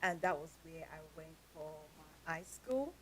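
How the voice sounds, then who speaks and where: A woman with a Nigerian accent, telling her life story as an interview guest in a lively, laughing way. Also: low-pitched, unhurried, slight background noise. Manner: animated storyteller, laughs often. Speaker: guest, company founder.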